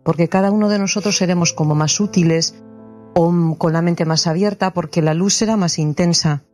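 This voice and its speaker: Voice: medium pitch, steady tone, fairly quick, darkish tone. A speaker with an ordinary mid-range voice offers ideas in a spiritual conversation. They sound tentative and often check with a question, and faint music plays behind.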